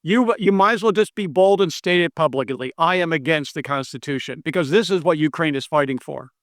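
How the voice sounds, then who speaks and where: An American monetary economist gives a video lesson, speaking earnestly and persuasively to camera from an indoor room with brick and stone walls. His voice is fairly high, brisk and a bit bright, recorded close and dry with no room sound. He's emphatic, keeps hammering the same point, repeats his key claims, and stumbles over foreign names.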